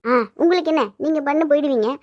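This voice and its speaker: A woman voicing a sharp-tongued, teasing young woman in a cartoon, firing back quick mocking retorts. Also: sits high, dry recording, lightly acted. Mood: sassy. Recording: dull lo-fi sound.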